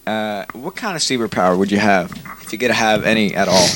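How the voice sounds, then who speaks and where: A man's voice: lowish voice, a little fast, background noise. A man hosting a comic mock interview, asking teasing questions with many hesitations. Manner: hesitant, full of ums, teasing.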